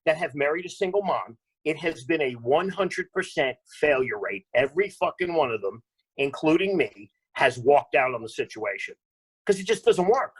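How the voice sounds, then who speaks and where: A man with a husky voice tells his stories with blunt, profane force. His pitch leaps high and drops low as he gets worked up. He talks in the loose way of a casual podcast chat. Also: normal speed. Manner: profane, blunt, animated storyteller. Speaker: comedian guest.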